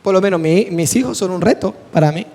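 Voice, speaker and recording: A middle-aged man teaches a church class in earnest, his voice high-pitched, brisk and warm. He vividly acts out the dialogue from his personal stories, recorded in an echoey hall with long reverb.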